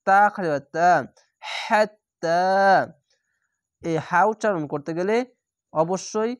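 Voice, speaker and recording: Man slowly spelling out recitation syllables. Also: a little high, no room sound, clean studio sound. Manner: slow, drawn-out spelling of syllables; stretches recited words very long. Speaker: Quran reading teacher.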